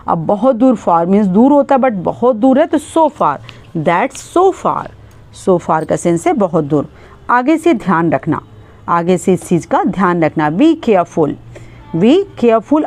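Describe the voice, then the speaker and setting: A woman teaching spoken English, explaining example sentences and repeating each one slowly and carefully. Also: medium pitch, a little mellow. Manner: slow, deliberate repetition of example sentences. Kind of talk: bilingual spoken English lesson.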